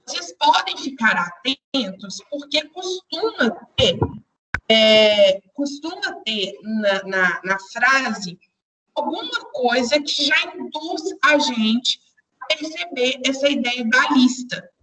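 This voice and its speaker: Young woman, teacher, step-by-step grammar lesson, high voice, slightly distant mic. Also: animated, slow pace, pushed and bright, slight background noise. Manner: explains step by step, addresses students directly.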